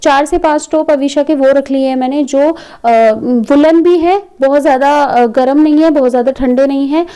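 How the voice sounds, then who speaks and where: Chatty high-voiced mom narrating her day. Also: steady tone, moderate pace, few pauses, warm tone. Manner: chatty, homely, with frequent fillers. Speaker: vlogger mother of two. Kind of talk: casual home vlog narration. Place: home, indoors.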